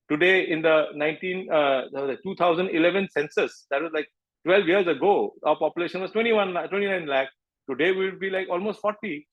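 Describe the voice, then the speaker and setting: Middle-aged male interview guest, Indian accent, notably high-pitched voice, arguing emphatically with the odd Hindi phrase. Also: a bit bright, poor audio. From Manipur, northeast India. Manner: emphatic, repeats points, slips into Hindi phrases. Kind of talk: impassioned political interview talk.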